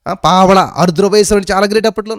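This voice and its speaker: A man's voice: racing, clean tone, no echo, studio quality. A man preaching a sermon, his voice rising and dropping sharply as he drives points home, with English phrases mixed in. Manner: preaching with sudden rises and drops in pitch and loudness. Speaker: pastor.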